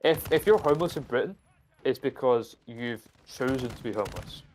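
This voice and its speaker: Speaking at a normal pace and medium pitch, with a little background noise behind him, a young university student from Scotland tells stories on a live stream. His Scottish accent comes through as he rants, swears and narrates with lots of animation.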